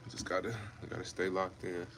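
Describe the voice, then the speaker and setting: A low, slightly bright male voice comes through with a flat delivery and a somewhat fast pace, with a little background noise. He's a fitness creator in his twenties from Ohio, casually chatting on his livestream, laid-back and repetitive, addressing viewers as "bro" and "man."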